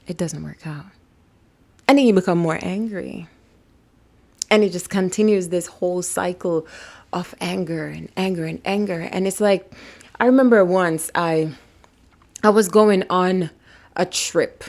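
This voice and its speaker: Pausing often and speaking a little slowly, this young vlogger talks to camera in a lowish, darkish voice. Her casual self-help talk is emphatic and repetitive, and she whispers whenever she voices the body.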